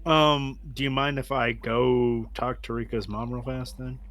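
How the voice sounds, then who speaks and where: A man's voice: medium pitch, fairly even intonation, unhurried, a bit bright. A man playing a tabletop game, chatting and narrating casually in an informal, sweary, self-correcting way.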